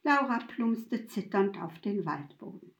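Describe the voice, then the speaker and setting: A woman narrating a story in an expressive, dramatic reading style. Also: medium pitch, unhurried. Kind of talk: scripted narration.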